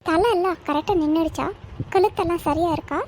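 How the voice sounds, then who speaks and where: High-voiced bossy auntie in a cartoon, lecturing and nosy, voiced by a woman. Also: a little fast, darkish tone, a little hiss or hum. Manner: lecturing, keeps asking "understand?". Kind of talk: cartoon voice acting.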